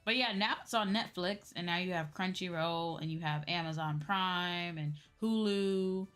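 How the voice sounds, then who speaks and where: A young adult woman streaming as a VTuber chats in a lowish, fairly bright voice without hurrying. Background music accompanies her casual talk, where she often uses "right?" and "you know" to check in with listeners.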